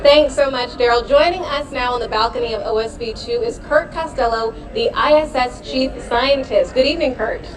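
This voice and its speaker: A woman's voice: a little high, normal speed, hardly any pauses, reverberant, distant mic, music in the background. A woman presenting a live broadcast interview from a balcony. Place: outdoor balcony.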